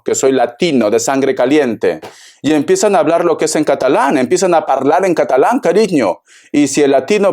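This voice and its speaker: A man's voice: fairly high pitch, darkish tone. A man from Peru, giving a casual, theatrical tarot reading and constantly calling the listener darling. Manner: chatty, keeps calling the listener darling and bison; theatrical, acts out imagined clients. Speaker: tarot reader.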